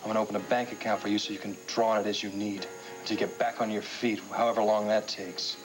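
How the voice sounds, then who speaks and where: A man's voice: fairly low pitch, little pitch movement, fast talker, over music, close to an everyday voice, low-quality recording. An actor playing a scornful, self-assured man in a television soap opera, with a sarcastic, cutting, emphatic delivery. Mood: cold, firm. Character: scornful, self-assured man berating his former lover.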